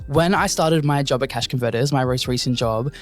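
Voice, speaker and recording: A man's voice: mid-range voice, a little fast, faint music behind. A young man hosting a casual solo podcast, rambling and joking at his own expense as he talks straight to his listeners. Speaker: podcast host.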